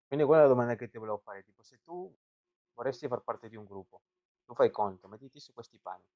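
A man's voice: medium pitch, fast talker, no room sound. A man hosting a casual live-stream chat, asking probing hypothetical questions. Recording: dull, dry lo-fi mic.

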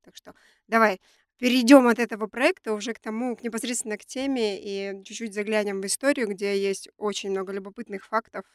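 A woman's voice: mid-range voice, fairly even intonation, a little fast, no echo. Woman podcast host w a stuffed up nose from a cold, chatty but prepared, dry sound. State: has a cold. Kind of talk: conversational podcast discussion with prepared facts.

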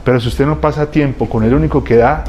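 A man preaching a sermon as a pastor, telling lively, humorous stories full of slang. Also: medium pitch, fast talker.

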